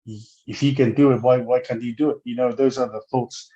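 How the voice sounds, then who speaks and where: A man's voice: medium pitch, fairly even intonation, brisk, warm tone, dull audio. A man in his forties from Samoa, speaking in a casual interview as a guest, hesitant and full of fillers and restarts. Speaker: guest, former rugby player.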